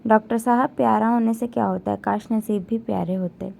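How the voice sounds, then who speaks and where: A woman voicing a soft-spoken, pious young woman who talks gently and quietly in a storybook reading. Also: on the high side, steady tone, fairly quick, vocal fry. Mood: gentle.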